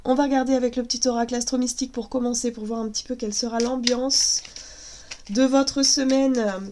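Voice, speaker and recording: Over some background noise, a woman in her thirties gives a tarot reading in a high-ish, level voice at a slightly fast clip. She has a cold, so her voice cracks, and she chats hesitantly with many fillers.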